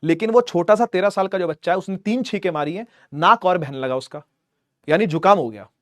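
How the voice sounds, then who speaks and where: Male physics tutor, tinge, high voice, playful, acts out scenes; dry booth sound. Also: fairly quick, a bit bright, no echo. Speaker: physics teacher. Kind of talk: animated classroom lecture.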